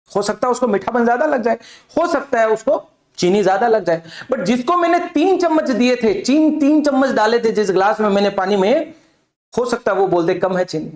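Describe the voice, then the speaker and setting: A man teaching a chemistry lesson, asking his own questions and answering them, repeating key terms. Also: sits high. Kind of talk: classroom lecture with demonstration. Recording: echoey room.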